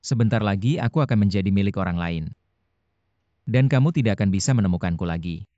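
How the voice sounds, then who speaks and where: Dub role: man voicing a snappy, sarcastic young suitor, low mellow voice, quick delivery, dry lo-fi sound. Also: lively intonation, no room sound, close to an everyday voice. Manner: sarcastic, blunt. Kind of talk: dubbed TV drama dialogue. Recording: dull lo-fi dubbing, dry.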